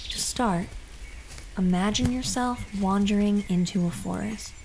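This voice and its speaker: Calm woman doing guided meditation, soft gentle delivery, really slow, mid pitch. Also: gravelly, noisy background. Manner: calm, gentle, soothing, unhurried. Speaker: podcast host and meditation guide. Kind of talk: scripted guided meditation narration. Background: background music.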